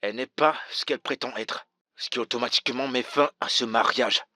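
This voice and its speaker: A man's voice: mid-range voice, fairly even intonation, brisk, sharp tone, no room sound, clean studio sound, close to an everyday voice. Man dubbing a furious betrayed husband. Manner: harsh, insulting, blunt. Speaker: angry husband. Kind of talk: dubbed film drama.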